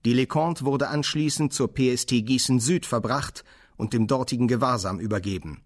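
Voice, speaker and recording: A man's voice: mid-range voice, normal speed. A man reading an official police report aloud in a dry, officious manner.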